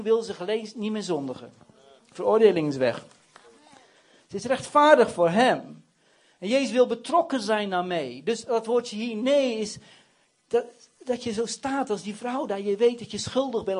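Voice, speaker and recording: A man preaches with a strikingly high-pitched voice. He drives his points home earnestly and emphatically, yet keeps a conversational tone with frequent tag questions to the congregation. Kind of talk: sermon.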